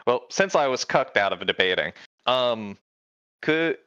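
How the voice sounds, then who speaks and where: A man's voice: mid-range voice, lively intonation, a little slow, bright, forceful tone, smooth. A man calling into a livestream over a clipped online call line that sometimes breaks up, chatting casually and laughing easily. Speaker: caller on a livestream. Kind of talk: casual debate chat. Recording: dull lo-fi call audio.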